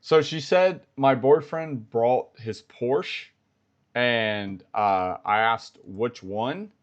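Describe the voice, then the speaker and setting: An American vlogger giving live-stream commentary, retelling events in a storytelling way and repeating himself. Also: male voice, mid-range voice, extremely slow, muffled recording. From United States.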